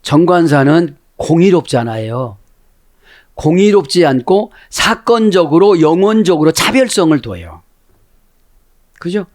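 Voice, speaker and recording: A male pastor delivering a sermon, often checking in with his listeners with short questions and acting out voices. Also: high-pitched. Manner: animated, constantly prompting the congregation with "에?"; acts out quoted voices within the sermon.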